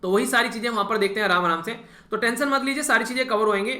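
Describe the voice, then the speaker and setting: Fast, bright-voiced teacher in an echoey room. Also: male voice, extremely high pitch. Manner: repeats "thik hai" as a filler, addresses students directly. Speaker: exam-prep teacher. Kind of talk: casual spoken lecture.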